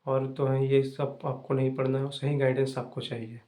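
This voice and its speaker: His voice is medium-pitched and mellow with a flat delivery. This young host of an English-learning channel rattles off quick, repetitive, laid-back tips for his viewers.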